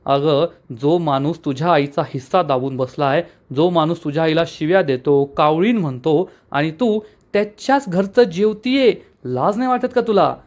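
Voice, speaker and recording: A man voicing an angry, middle-aged aunt who scolds and taunts her family in a sharp tone. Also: sits low, moderate pace, few pauses, natural voice.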